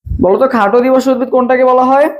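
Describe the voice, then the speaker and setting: A man's voice: very high-pitched, steady tone. A young man with a Bangladeshi Bengali accent teaching a live online admission-test class, repeating each question over and over and urging viewers to comment their answers. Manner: fast, repetitive, drills each question over and over. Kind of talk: live-streamed exam prep class.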